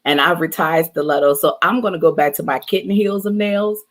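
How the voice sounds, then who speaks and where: A woman from Washington, D.C., co-hosting a casual talk show, reacting quickly and laughing along. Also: deep voice. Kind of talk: casual chat.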